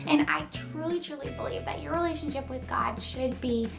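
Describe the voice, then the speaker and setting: A woman's voice: high-pitched, normal speed, gravelly, music in the background. A young woman chatting casually in a morning vlog, her voice still groggy from sleep, laughing lightly between thoughts. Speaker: vlogger.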